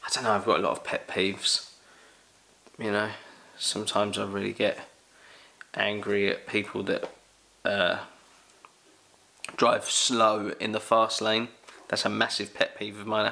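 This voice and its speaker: A young man with a London accent, casually answering Q&A questions in a jokey, animated way. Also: lowish voice, unhurried, gravelly, pauses often. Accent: London English. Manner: animated, jokey, exclaims loudly. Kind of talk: casual Q&A chat.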